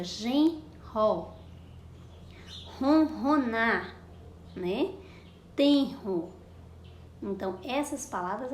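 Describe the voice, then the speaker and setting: Slow patient woman teaching children. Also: a little high, slight background noise. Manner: slow, patient, repeats and sounds out words. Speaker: primary school teacher. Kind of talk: recorded classroom lesson for children. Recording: echoey room, faint ambience.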